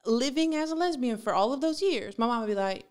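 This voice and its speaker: A woman's voice: on the high side, lively intonation, a little mellow, smooth. Frank, emphatic woman in her thirties. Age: 30s. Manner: frank, emphatic, quick asides and self-interruptions. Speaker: podcast co-host. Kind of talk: casual faith podcast conversation. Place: small studio room, indoors. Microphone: desk mic on boom arm.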